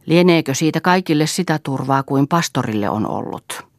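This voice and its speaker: A woman reading aloud voices a sharp-tongued grown woman who speaks pointedly. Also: low voice, fairly even intonation, no room sound, studio quality, voice pushed up.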